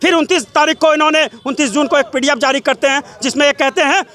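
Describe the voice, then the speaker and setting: A young man with a Bihari accent giving an impassioned interview in a breathless, run-on, forceful way, piling up clauses, repetitions and rhetorical questions. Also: very high voice, fast. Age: young adult. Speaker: job candidate and protester being interviewed.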